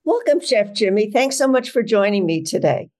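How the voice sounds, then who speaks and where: A woman hosting a podcast, reading a measured scripted introduction and then asking interview questions. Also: medium pitch, expressive, darkish tone. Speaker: podcast host and editor.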